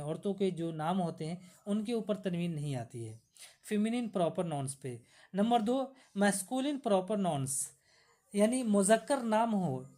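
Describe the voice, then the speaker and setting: A woman's voice: lowish voice, dark tone. A woman teaching Arabic grammar in a lecture, patiently repeating each rule with examples.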